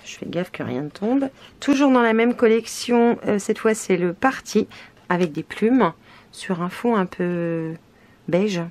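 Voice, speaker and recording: Showing off craft papers in a relaxed unboxing video, a scrapbooking vlogger from France talks hesitantly with plenty of fillers. She sounds animated and unhurried, with a mid-range, darkish voice and slight background noise.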